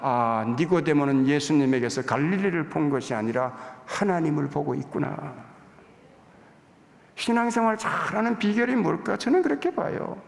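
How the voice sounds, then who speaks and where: A man's voice: on the high side, expressive, normal speed, creaky. A male pastor giving a confessional, humorous sermon in a church sanctuary, with hall reverb.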